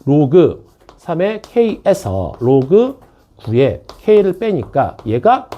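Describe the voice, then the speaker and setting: Husky, lively male math teacher. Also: a little high, very slow, muffled recording. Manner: chatty, jokes with students, keeps checking in. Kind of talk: classroom lecture. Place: classroom.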